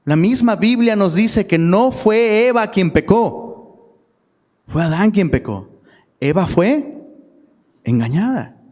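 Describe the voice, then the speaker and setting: A man's voice: sits high, expressive, slow, pauses often, a little mellow. A man preaching a casual sermon to a live audience as a youth pastor, slangy and chatty, often asking the crowd questions. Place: church hall. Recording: long hall reverb.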